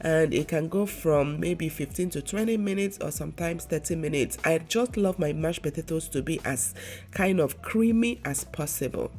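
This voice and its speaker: Stuffed up from a bad cold, this woman vlogger talks about lifestyle topics in a loose, chatty way full of filler words. She speaks at a normal speed in a low-pitched, darkish voice, with faint music behind her.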